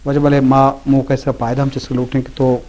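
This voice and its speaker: Mellow-voiced male interviewer, attentive. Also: mid-range voice, monotone, normal speed. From Balochistan. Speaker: host. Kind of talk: interview, frequent short acknowledgements.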